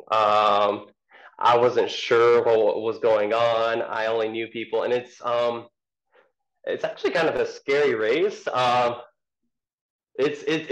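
Modest man with muffled remote audio. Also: medium pitch. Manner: hesitant, many ums and restarts, modest. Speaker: ultrarunner guest. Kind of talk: casual interview answers.

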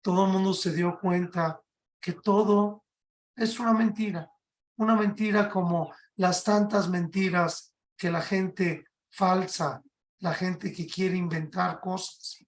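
A man giving a rabbi's sermon in an animated way, raising his voice to a shout for emphasis and asking many rhetorical questions. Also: high voice, takes it slowly, roomy sound. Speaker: rabbi giving a Torah talk.

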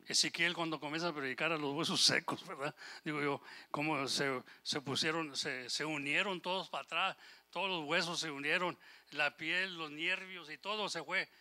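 A man preaching a sermon with passion, swinging between loud exhortation and quiet asides, quoting scripture and voicing God's words. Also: a little high. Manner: impassioned, rising and falling in volume, quotes scripture and God's voice; switches briefly into English phrases. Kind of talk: Spanish-language sermon.

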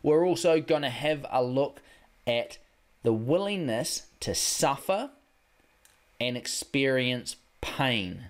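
A man hosting a casual podcast, easygoing and friendly, his voice slightly hoarse from a cold. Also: medium pitch, expressive, takes it slowly. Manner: easygoing, friendly, restarts often. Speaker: podcast host and performance coach.

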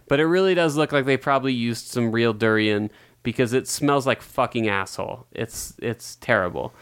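A man's voice: mid-range voice, a bit bright, clean tone. A young man hosting a podcast in casual, joking chat, rambling with lots of fillers. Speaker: podcast host.

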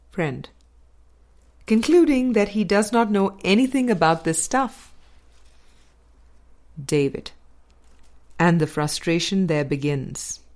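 A woman with a fairly low, slightly mellow voice reads a spiritual book aloud as an audiobook reader. She goes very slowly, placing each phrase in a measured, deliberate way, like an audiobook narrator.

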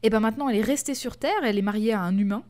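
A woman's voice: a little high, racing, darkish tone. A woman co-hosting a casual chat, explaining a comic series with many fillers and restarts. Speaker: podcast co-host.

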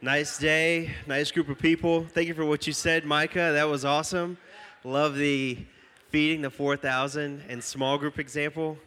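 This young man's voice is fairly high, bright, forceful and clean, with flat delivery at a normal speed, though a cold leaves it stuffy and slightly nasal. As a youth pastor, he jokes casually while preaching to a youth group and reading scripture aloud.

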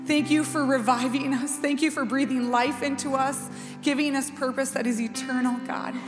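An earnest woman leading a spoken prayer in a high voice, calling on God line after line. Clear music plays under her in a hall with a long reverb. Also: steady tone, moderate pace. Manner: earnest, addressing God repeatedly. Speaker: prayer leader.

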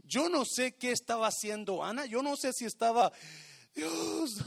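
A man's voice: extremely high pitch, lively intonation, a little slow, vocal fry, husky. A male preacher delivering an emphatic sermon, often asking if the congregation is listening.

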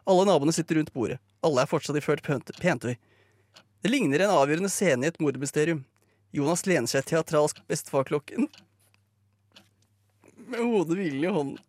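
Male narrator for a live radio play, slightly higher voice, brisk and dry delivery, close and dry sound. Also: lively intonation, darkish tone, dry recording.

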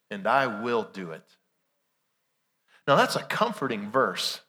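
A man's voice: mid-range voice, bright, forceful tone. A man preaching a Sunday sermon in a conversational way, asking rhetorical questions, his voice weak and strained from being sick. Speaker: pastor. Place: large church room during a service. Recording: reverberant hall sound.

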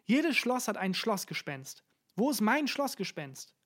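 A narrator voicing an arrogant, quick-tempered rich castle owner who shouts and bosses people around in a storybook reading. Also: medium pitch, big pitch swings, voice pushed up. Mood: indignant. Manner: loud, domineering, shouting.

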